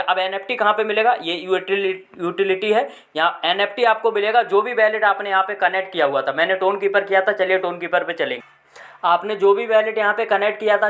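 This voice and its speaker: A man hosts a crypto channel and talks viewers through a screen-recorded tutorial. He explains each step plainly, checking in with "ठीक है" along the way. When he reads English text aloud, he slows down and stumbles through it. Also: sits high, fairly bright tone.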